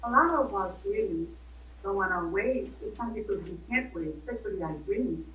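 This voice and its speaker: A woman's voice: fairly quick, fairly bright tone. A woman appearing as a guest coach in a talk show interview, emphatic and opinionated. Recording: distant, echoey, dull low-fidelity sound.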